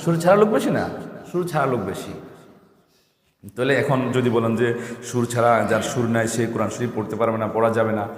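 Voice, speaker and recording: A man's voice: medium pitch, a little fast, long pauses. A man teaching Quran pronunciation to a class, asking his students questions and modelling corrections. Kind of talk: classroom lecture on tajweed. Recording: echoey hall with long reverb.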